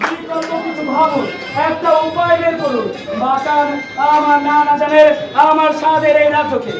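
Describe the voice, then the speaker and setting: A man's voice: very high-pitched, fairly even intonation, normal speed, crowd noise. A young man with a Bangladeshi accent playing a pompous, anguished nawab in hammy, declamatory folk theatre style. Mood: commanding, indignant. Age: young adult. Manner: hammy, declamatory stage actor with repeated cries. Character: pompous, anguished male nawab lamenting his kingdom. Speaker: student stage actor. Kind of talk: jatra folk theatre acting. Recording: echoey stage, distant mic, music, noisy audience.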